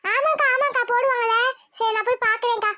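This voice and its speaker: A woman's voice: very high-pitched, steady tone, fast talker, pushed and bright. A woman voicing a chatty, agreeable neighbour. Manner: agreeable, reassuring, deferential.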